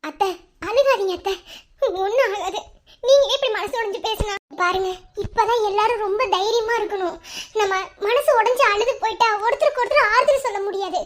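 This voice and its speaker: A woman's voice: very high-pitched, brisk, voice pushed down. A woman voicing a young daughter-in-law who soothes and pleads with her elders, with a Madurai Tamil accent. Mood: pleading.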